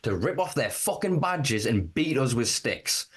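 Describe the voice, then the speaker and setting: A man's voice: medium pitch, big pitch swings, a little slow. A man with a neutralized northern English accent, in casual podcast chat, swearing freely and ranting. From Northern England. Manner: swears freely, mocking impressions.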